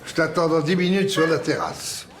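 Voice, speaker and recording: An actor playing a gruff older retiree who coaches a young man in boxing, blunt and commanding. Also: on the high side, very animated, moderate pace, background noise. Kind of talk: film dialogue.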